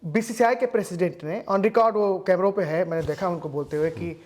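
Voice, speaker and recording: Male interview host asking steady questions. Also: high voice, brisk, slight background noise. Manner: steady questioning with frequent short affirmations. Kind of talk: casual interview chat.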